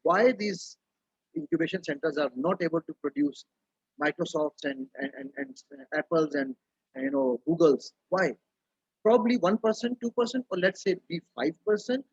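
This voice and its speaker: A man's voice: on the high side, animated, moderate pace, slightly rough, dry recording, dull audio. A middle-aged man from Pakistan, speaking as a webinar panelist in an earnest, emphatic way, full of rhetorical questions. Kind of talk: panel talk.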